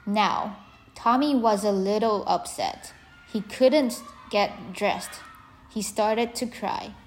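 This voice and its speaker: Slow, clear woman reading a children's story. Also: medium pitch, slight background noise.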